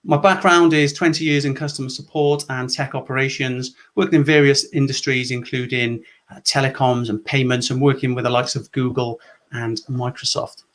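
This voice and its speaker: A man's voice: mid-range voice, steady tone, moderate pace, fairly bright tone. A middle-aged man from Wales presenting a structured conference session on customer service, explaining points step by step. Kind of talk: presentation talk.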